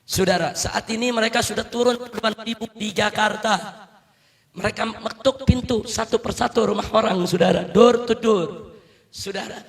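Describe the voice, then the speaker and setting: Fiery high-voiced male preacher. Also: fairly even intonation, moderate pace, vocal fry. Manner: shouts rousing calls to the crowd, repeats "brothers" often. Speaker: Islamic preacher. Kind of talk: fiery rally sermon.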